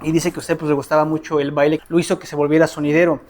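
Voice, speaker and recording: Man interviewing, slightly high voice. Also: level tone, very fast, a little mellow. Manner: brief prompting questions and asides. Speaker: interviewer, host. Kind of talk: casual interview questions.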